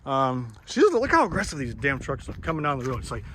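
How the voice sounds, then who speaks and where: A man's voice: mid-range voice, wildly swooping pitch, a little fast, a bit bright, slight background noise. A man giving a casual walkaround of a truck for sale outdoors, talking in a rambling, enthusiastic way with plenty of ums and uhs. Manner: rambling, filler-heavy, enthusiastic. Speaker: truck seller. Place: outdoors beside a parked truck.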